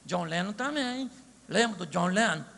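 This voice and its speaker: A man preaches a comic, animated sermon and keeps asking rhetorical questions. His voice sits high, with a bright, gravelly edge. Long reverb rings through the hall behind him. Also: moderate pace. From Brazil. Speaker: pastor.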